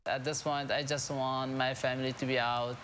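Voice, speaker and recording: Halting Afghan-born man in an interview. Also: mid-range voice, level tone, noisy background. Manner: halting, many fillers, emotional. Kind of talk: news interview.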